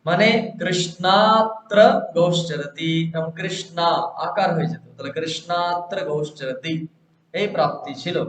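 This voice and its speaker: A man teaching a grammar lesson, who explains step by step and asks and answers his own questions. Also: fairly high pitch. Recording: echoey, dull lo-fi room recording with faint hiss.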